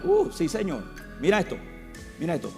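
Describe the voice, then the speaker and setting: A man's voice: sits high, wildly swooping pitch, moderate pace, mellow. A man preaching a sermon in a church, repeating his phrases and putting questions to the congregation. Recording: reverberant hall with faint music.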